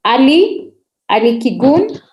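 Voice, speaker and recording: A woman moderates an online forum as a webinar host over a video call, encouraging speakers and calling on them by name. Her high voice is very animated but slow, and the audio is dull, with background noise and a roomy echo.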